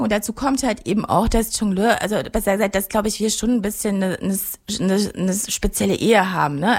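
A German woman in her forties, a filmmaker being interviewed, talking reflectively and searching for her words. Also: mid-range voice. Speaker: filmmaker guest. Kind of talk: interview conversation.

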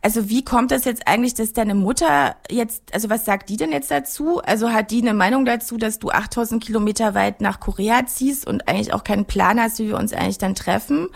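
Gravelly-voiced German woman, reflective. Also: a little high, fairly quick, hardly any pauses. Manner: reflective, searching for words with many fillers. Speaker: filmmaker guest. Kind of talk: interview conversation.

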